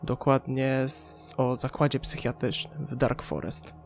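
A man's voice: medium pitch, level tone, measured pace, faint music behind, natural voice. A man voicing a polite, persuasive, ambitious male journalist in an audiobook.

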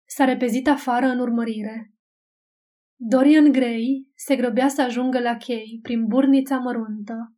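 Brief: female audiobook narrator, measured literary reading, warm, dark-toned voice. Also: a little high.

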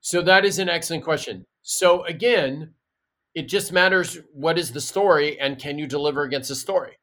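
Animated man explaining. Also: on the high side, normal speed. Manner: animated storyteller, chatty asides. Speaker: marketing guest expert. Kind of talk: casual explaining in an interview.

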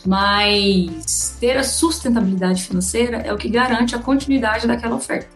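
A woman's voice: a little high, moderate pace, soft background music. A woman from Goiânia, an economist guest explaining finances in a conversational way, often adding little tag words. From Goiânia, Brazil. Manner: conversational, frequent "né" and "então, assim". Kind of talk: explanatory interview talk.

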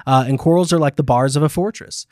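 Male podcast host, conversational and emphatic, slightly high pitch, very dry close sound. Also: fast, dark tone, no room sound. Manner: conversational, emphatic, many fillers and restarts. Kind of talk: casual faith discussion.

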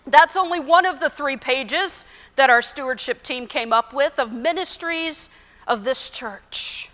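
A woman pastor preaching a sermon in a church, earnest and measured, telling stories. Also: high-pitched, bright, forceful tone, big-room sound. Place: church sanctuary.

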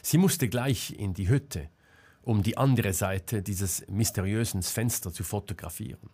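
Male audiobook narrator, low register, slow and measured. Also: a little mellow, breathy edge. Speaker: audiobook reader. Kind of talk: scripted novel narration.

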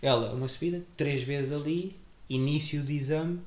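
A young man with a European Portuguese accent, chatting casually on a podcast and telling animated stories, acting out other people's voices. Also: on the high side, moderate pace. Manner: animated storyteller, acts out voices. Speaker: podcast co-host. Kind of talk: casual chat. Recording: echoey room with faint noise.

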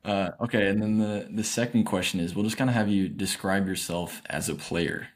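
A man's voice: sits low, moderate pace. A man hosting a podcast, asking questions casually and hesitantly, restarting phrases often. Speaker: podcast host.

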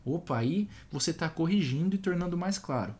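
A man's voice: fairly high pitch, animated, fairly quick, a little mellow. A man giving a casual spoken lesson on communication, talking straight to the listener and acting out short example dialogues. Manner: conversational, direct address with frequent "tá?" and "entendeu?". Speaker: communication coach.

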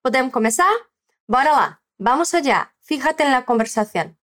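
A Brazilian woman hosts a Spanish lesson podcast, coaxing the listener to repeat phrases after her. Her voice is high and bounces through a wide range. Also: animated, moderate pace, heavy background noise. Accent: Brazilian Portuguese. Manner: encouraging, prompts listener to repeat. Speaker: Spanish teacher and podcast host.

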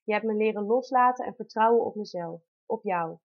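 A woman's voice: medium pitch, a little fast. A woman in her thirties reading aloud a heartfelt personal letter about giving birth, in an intimate, tender way. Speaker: mother telling her birth story. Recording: dull lo-fi recording.

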